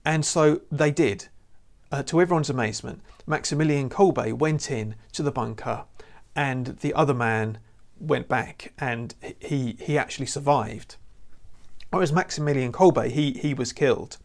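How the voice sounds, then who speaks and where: Speaking at a measured pace in a mid-range voice with vocal fry, a man delivers a sermon to the camera, sincere and chatty, often dropping in "you know." A lapel mic picks him up in an indoor room featuring a lamp and a church banner.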